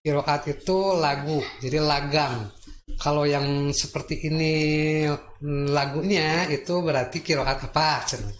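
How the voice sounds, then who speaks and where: A man, a religious teacher giving a lecture, explaining slowly with many fillers and repetitions. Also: on the high side, steady tone. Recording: echoey room with faint noise.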